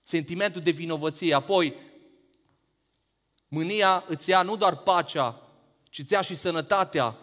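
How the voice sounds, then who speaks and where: A man preaching a sermon, firing rhetorical questions that climb to emphatic peaks and then drop low. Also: long pauses, fairly bright tone, big-room sound.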